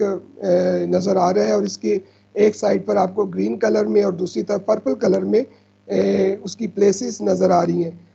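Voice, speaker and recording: A man's voice: high voice, gravelly, mellow, slightly rough, highs cut off. A man, patiently teaching decimals over slides and repeating himself often. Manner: patient, repeats "ठीक है" often, mixes in English terms. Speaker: math teacher.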